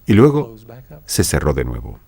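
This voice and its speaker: Male voice-over interpreter, very deep, steady and measured, dubbing a talk. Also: creaky.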